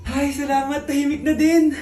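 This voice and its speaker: A woman acting out comedic skits, exaggerated and bickering, quick to outrage. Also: sits high, little pitch movement. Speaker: comedy skit creator. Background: loud background music.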